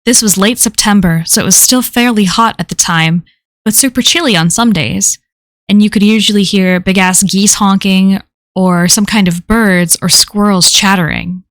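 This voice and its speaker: A woman's voice: mid-range voice, normal speed, fairly bright tone, no room sound, studio quality. Woman reading a creepy story aloud. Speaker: horror story reader. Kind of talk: reading a horror story aloud on a live stream.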